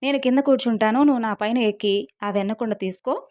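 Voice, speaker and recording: A woman's voice: fairly high pitch, quick pace, darkish tone, lightly acted. Woman voicing a young male god, playful, teasing, coaxing.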